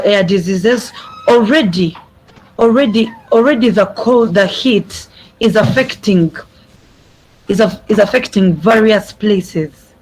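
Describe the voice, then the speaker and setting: A young speaker from Uganda addresses an online summit. The delivery is earnest and heartfelt, at a mid pitch, repeating key phrases for weight. The audio comes through a video call. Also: rough recording. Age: young adult. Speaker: youth speaker. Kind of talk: prepared speech at an online summit.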